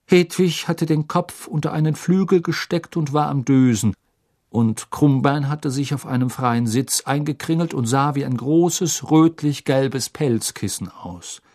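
A man's voice: medium pitch, darkish tone. A man narrating a fantasy novel as an audiobook, telling the story expressively. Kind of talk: scripted narration.

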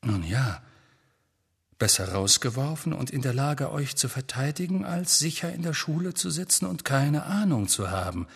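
A man reading an audiobook, voicing a rebellious grown wizard who speaks in a low, earnest, conspiratorial manner. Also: very animated, moderate pace, vocal fry, a bit bright, breathy edge, long reverb tail, heavily acted.

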